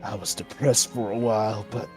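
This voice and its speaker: A man's voice: on the low side, steady tone, normal speed, darkish tone, soft background music, pitched below the performer's own voice, lightly acted. A man voicing a burdened, hot-tempered fighter from a fantasy game, reading dialogue in an emphatic, colloquial way. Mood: brooding. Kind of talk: amateur read-aloud of game dialogue.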